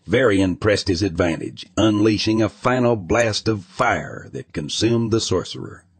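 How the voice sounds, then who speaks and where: A man narrating a fantasy audiobook in an even, measured reading style. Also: fairly low pitch, slightly rough, no echo.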